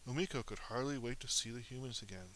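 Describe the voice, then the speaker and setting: A man narrating a children's story in an animated, expressive reading with small slips. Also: medium pitch, quick pace, slight background noise, low-quality recording.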